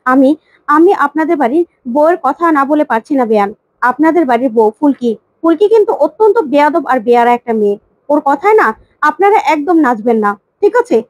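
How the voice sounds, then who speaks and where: A woman's voice: high-pitched, expressive, fast talker, dry recording. A woman voicing a furious, imperious middle-aged queen who scolds and demands, while retelling a serial plot. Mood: angry.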